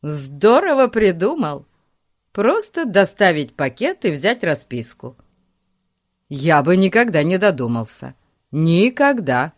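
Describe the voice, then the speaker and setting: A woman's voice: a bass voice, expressive, a little slow, darkish tone, no echo, clean studio sound, full character voice. A woman voicing an eager, admiring boy in a storybook. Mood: excited. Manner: eager, apologetic.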